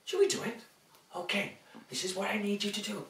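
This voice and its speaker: A woman presenting an interactive story for young children like an overbright party host, with exaggerated excitement and sing-song lines. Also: medium pitch, brisk, slight background noise. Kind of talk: interactive picture-book reading for young children. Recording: roomy echo, distant from the mic.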